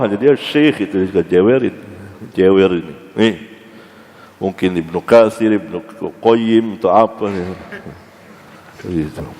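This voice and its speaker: A man's voice: deep voice, long reverb tail. A male Islamic preacher giving a religious study lecture, telling stories with chuckles and acting out quoted dialogue. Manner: lively storytelling with chuckles and animated quoted dialogue.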